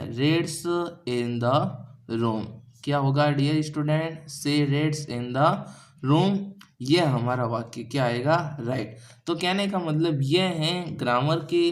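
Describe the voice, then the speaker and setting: A man from India with a Hindi accent teaching an English class, often asking the students a question and then answering it himself. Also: fairly high pitch. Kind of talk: classroom lesson explaining grammar and pronunciation.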